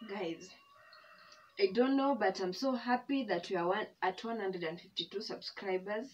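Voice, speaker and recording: A woman's voice: mid-range voice, moderate pace. A young woman with a Kenyan accent chatting casually to her viewers while eating, grateful and open. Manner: chatty, code-switching, emotional and grateful. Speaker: vlogger. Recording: distant mic, dull sound, faint background hum.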